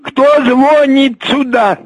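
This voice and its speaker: A man's voice: extremely high pitch, fairly even intonation, slow. A man answering the phone, impatient and irritated, repeatedly asking who is calling. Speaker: call recipient.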